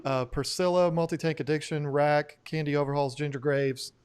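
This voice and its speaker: A man's voice: a little high, fairly even intonation, normal speed, a little mellow, clear, resonant tone. A man hosting a live stream, chatting casually, rambling and laughing as he loses his train of thought. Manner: rambling, laughs often, trails off mid-sentence. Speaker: host of an aquarium live stream. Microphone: new studio microphone.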